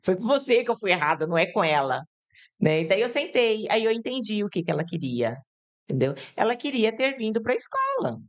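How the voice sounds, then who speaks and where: A woman's voice: medium pitch, sing-song, brisk. A woman hosting a conversational podcast, explaining points to her audience in a chatty way with frequent tag questions. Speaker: podcast host. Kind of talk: conversational interview.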